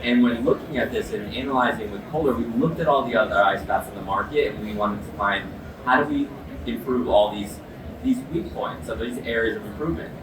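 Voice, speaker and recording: A man with a fairly low voice, talking a bit quickly, demonstrates an ice bath product as an expert with a sports medicine background. His explanation comes across as earnest and emphatic. The audio is echoey and noisy, captured from a distant mic.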